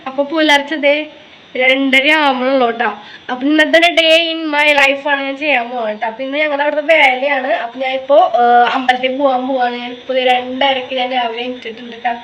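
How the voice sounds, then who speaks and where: A woman's voice: sits high, flat delivery, quick pace, a bit bright. A young woman vlogging in a casual, chatty way with a Thrissur Malayalam accent, her voice a little worn after a fever, speaking into a phone camera set down nearby. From Kerala, India. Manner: chatty, ends sentences with tag words. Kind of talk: casual vlog narration. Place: home work area, then temple grounds.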